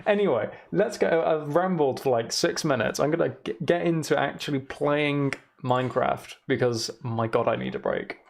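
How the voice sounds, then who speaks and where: A man's voice: a little high, very animated, normal speed, vocal fry, few pauses. A young man streaming, chatting casually and rambling, recorded on a desk microphone in an emptied room that echoes. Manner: chatty, rambling, self-deprecating. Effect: echoey sound of an emptied room. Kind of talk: casual livestream chat. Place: emptied room in a house, indoors. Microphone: desk microphone on a shelf.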